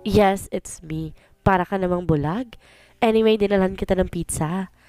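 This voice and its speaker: A woman's voice: mid-range voice, moderate pace, mellow, clear, resonant tone, dry recording, faint music behind, lightly acted. A woman reading a remorseful young boyfriend. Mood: casual. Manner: pleading, remorseful. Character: young man, cheating boyfriend, apologetic.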